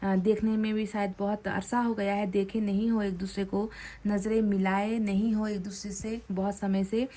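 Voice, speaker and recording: Woman, tarot reader, chatty, earnest, keeps tagging phrases with a question, repeats points, mid-pitched voice. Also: little pitch movement, normal speed, dark tone. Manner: chatty, often ends phrases with a tag question. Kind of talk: pick-a-card tarot reading addressed to viewers.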